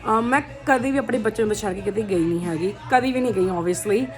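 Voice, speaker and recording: A woman's voice: mid-range voice, fast talker, faint music behind. A woman vlogger chatting casually to her viewers, slipping English phrases into her talk. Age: adult, a mother of children. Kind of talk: casual vlog chat.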